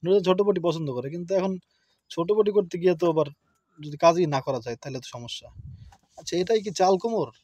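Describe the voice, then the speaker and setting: A man chatting quickly to camera in a village garden, often giving thanks to God as he shows his crops. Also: sits high, darkish tone, dry recording. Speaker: village life vlogger. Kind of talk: casual vlog chat to camera.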